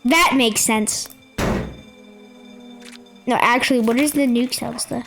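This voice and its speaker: A woman giving jumpy, excitable commentary over her own gameplay, often yelling at the game. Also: a little high, slow, gravelly, over music, low-quality recording. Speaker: gaming video creator.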